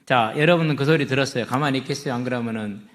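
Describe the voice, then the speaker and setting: A man's voice: medium pitch, racing. A middle-aged male pastor, preaching a story-driven sermon and asking his congregation questions. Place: church sanctuary. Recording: echoey church hall.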